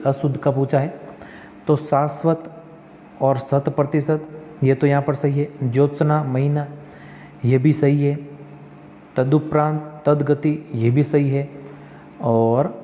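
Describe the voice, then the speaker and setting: A male tutor works through exam practice questions, reading each one aloud, fixing the spellings step by step, and answering questions he asks himself. His voice is mid-range and warm, with a long reverb tail and a little hiss or hum.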